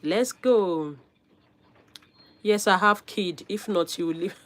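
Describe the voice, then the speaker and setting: A woman hosts a casual live stream, her voice slightly hoarse from a cold. At a medium pitch and a slow pace, she stays upbeat, calling out viewers' names and laughing often.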